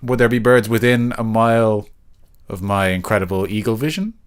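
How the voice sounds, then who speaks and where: A man's voice: lowish voice, normal speed, smooth. A man chatting casually and improvising as a player in a tabletop role-playing game.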